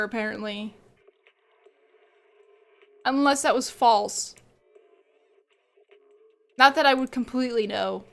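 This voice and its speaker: With a high, pushed, bright voice, a woman streamer chats casually with viewers on her livestream. She's stuffed up from allergies and a cold, laughing often as she rambles along.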